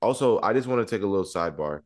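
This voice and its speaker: A man's voice: fairly low pitch, lively intonation, racing. A man chatting casually about football in slang, giving emphatic verdicts and repeating them.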